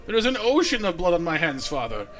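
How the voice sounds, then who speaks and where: An actress playing a proud, defiant young warrior daughter in a video game, speaking with intensity. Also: female voice, on the low side, very animated, fast talker, a little hiss or hum. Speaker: game character.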